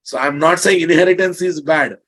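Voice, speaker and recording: A man's voice: fairly high pitch, fairly quick, fairly bright tone, slightly rough. A man with an Indian accent lecturing online as a programming instructor, bluntly teasing, repeating his phrases and checking understanding with questions.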